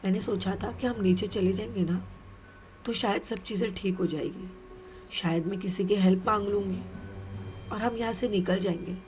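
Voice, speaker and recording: A woman's voice: mid-range voice, darkish tone, soft background music. A woman from Mumbai, a vlogger, narrating a scary dream in a tense, dramatic way, sometimes dropping to a whisper. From Mumbai, India. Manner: tense, dramatic, drops into whispers and slow emphasis.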